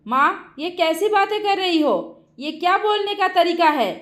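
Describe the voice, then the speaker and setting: Woman doing a calm young man, steady, roomy echo. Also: very high-pitched, a little slow, exaggerated voice. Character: calm young married man defending himself.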